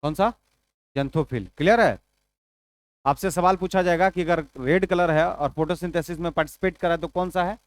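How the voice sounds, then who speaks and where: A man's voice: a little high, moderate pace, dry recording. A male teacher giving an exam-prep biology lecture, repeating key points and dictating notes, asking and answering his own questions.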